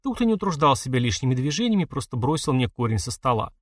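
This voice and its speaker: A man reading a first-person novel as an audiobook narrator, in an even, measured way. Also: mid-range voice, dry recording, clean studio sound, distant mic.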